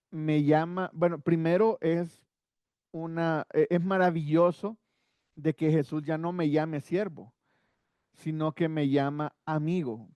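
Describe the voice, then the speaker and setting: Male Bible class teacher, unhurried, a touch high-pitched; chatty and explanatory, with rhetorical asides and frequent restarts; dry, close sound. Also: mellow, no room sound, dull audio. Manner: conversational, rhetorical asides, repeats words while thinking. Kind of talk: Bible study lesson.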